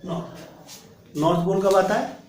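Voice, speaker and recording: A man teaches physics in a classroom and walks through each point step by step, often checking that his students follow. His voice sits high for a man. The room is echoey and he sounds a little away from the mic. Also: normal speed, a crowd in the background. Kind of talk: classroom lecture. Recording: echoey room, voice a bit distant.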